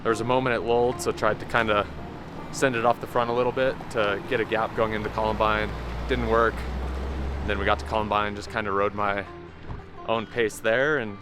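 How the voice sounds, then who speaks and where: A man's voice: on the low side, level tone, a little fast, over music. Laid-back, winded male bike racer outdoors. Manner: laid-back, self-deprecating, many fillers. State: out of breath. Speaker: pro mountain bike racer, vlog host. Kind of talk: casual post-race recap.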